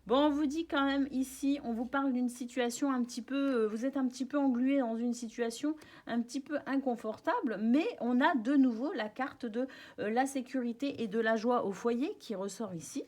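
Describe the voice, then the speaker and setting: A tarot card reader whose first language is French, a woman with a fairly high voice, lays out cards and casually walks her viewers through them. She's chatty and hesitant, often stopping and restarting and filling pauses with small fillers. Her tone remains soft and reassuring.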